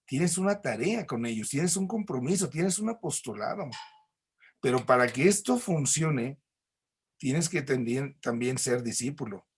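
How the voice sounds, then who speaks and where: Husky Mexican man giving a church lesson. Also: mid-range voice, expressive, a little slow. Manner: patient explaining with tag questions and homely examples. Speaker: church teacher. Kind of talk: recorded class lecture.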